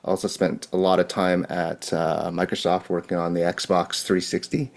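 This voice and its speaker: A man in his forties, relaxed and upbeat, introducing himself as a guest on a video call. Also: low-pitched, normal speed. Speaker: guest, UX manager. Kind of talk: casual self-introduction.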